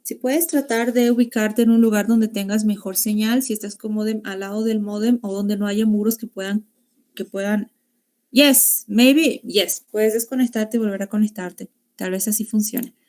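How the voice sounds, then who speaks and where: A woman's voice: medium pitch, fairly even intonation, a little slow. Woman teaching an online class. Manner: explains grammar in Spanish mixing English classroom phrases; warm, encouraging teacher talk with diminutives. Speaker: English teacher. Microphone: video call.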